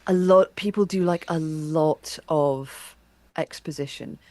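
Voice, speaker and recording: Low-voiced woman interviewer, thoughtful. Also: darkish tone, no echo. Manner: thoughtful, reflective, halting restarts. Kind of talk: casual conversational interview.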